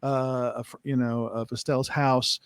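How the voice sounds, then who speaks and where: A man's voice: mid-range voice, flat delivery, a little slow, clear, resonant tone, no room sound, studio quality. A man hosting a film interview on a video call, asking loose questions with lots of fillers. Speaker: interview host. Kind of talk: casual interview chat.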